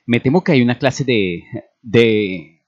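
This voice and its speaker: A man's voice: medium pitch, normal speed, no echo, voice pushed up, lightly acted. A man doing a nervous, timid army doctor. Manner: hesitant, fearful. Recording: dull lo-fi recording.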